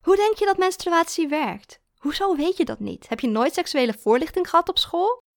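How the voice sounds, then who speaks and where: A woman's voice: high voice, moderate pace, darkish tone, no echo, clean studio sound, pitched above the performer's own voice, natural voice. A woman reading aloud, voicing an injured young woman who sounds uneasy and indignant. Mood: teasing.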